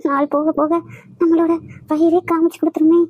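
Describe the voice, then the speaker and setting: A woman voicing a fearful, secretive young wife in a cartoon drama, soft-spoken, pleading and evasive. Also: extremely high pitch, flat delivery, moderate pace, dull audio. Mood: anxious.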